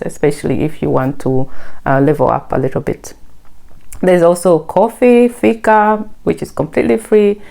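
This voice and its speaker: Her voice is low, creaky, and dark as this Tanzanian vlogger works through scripted narration. She explains things in a friendly, conversational tone.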